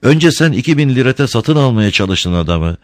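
A man voicing Christ as a patient, gently ironic divine speaker. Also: medium pitch, very animated, normal speed, no echo, clean studio sound, voice pushed up, close to an everyday voice. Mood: calm.

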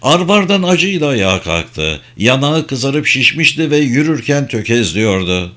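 A man's voice: mid-range voice, very animated, measured pace, fairly bright tone. Man narrating an audiobook evenly. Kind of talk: scripted narration.

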